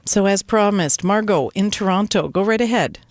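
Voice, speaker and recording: A woman hosting a call-in radio show, brisk and conversational. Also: mid-range voice, music in the background. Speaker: radio host.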